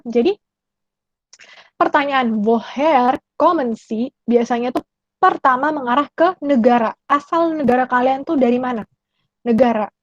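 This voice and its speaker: A young woman from Indonesia teaching German, explaining patiently and repeating phrases slowly. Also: sits high, dry recording, dull audio. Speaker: German language tutor. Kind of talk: online language lesson.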